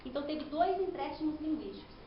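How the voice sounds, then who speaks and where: A woman's voice: high voice, expressive, fairly quick. Woman, academic presentation, explanatory, many "né?" tags, faint room noise. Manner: explanatory, with frequent "né?" and restarts. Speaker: student presenting her thesis. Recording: echoey room, slightly dull sound.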